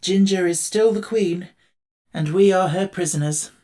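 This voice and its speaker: A woman voicing a gentle but blunt man made of tin, matter-of-fact in tone. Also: fairly low pitch, a little slow, voice pushed up, close to an everyday voice.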